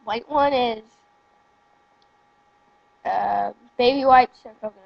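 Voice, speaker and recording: A woman's voice: a little high, takes it slowly, gravelly, highs cut off. A woman chatting casually and reading out flavour choices during a jelly bean taste test.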